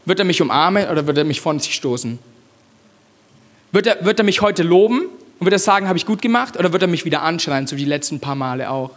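Male preacher, emphatic and direct, higher register, long hall reverb. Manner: emphatic, addresses the congregation directly with repeated phrases. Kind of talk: sermon.

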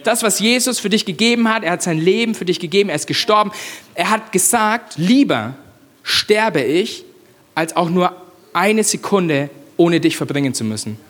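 A man's voice: high voice, expressive, normal speed, a bit bright. A man preaching a sermon, speaking emphatically and directly to the congregation with repeated phrases. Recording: long reverb of a large hall.

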